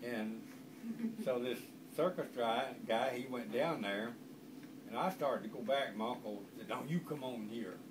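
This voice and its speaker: A man's voice: medium pitch, lively intonation, measured pace. An older man with a rural Southern American accent and a folksy grandpa voice, spinning an informal, rambling country yarn. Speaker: grandfather telling family stories. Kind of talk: informal oral storytelling. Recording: distant microphone, loud background noise.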